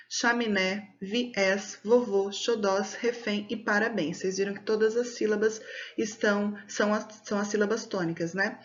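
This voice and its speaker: A woman's voice: medium pitch, highs cut off. A woman with a Brazilian Portuguese accent, teaching a recorded video lesson from home and patiently explaining each step to children. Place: home during quarantine.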